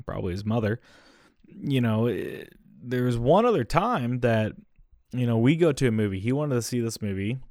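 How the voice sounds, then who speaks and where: A man's voice: fairly low pitch, darkish tone, dry recording. A young adult man hosting a casual solo podcast, rambling conversationally with frequent asides and a dry, slightly coughy throat. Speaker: podcast host.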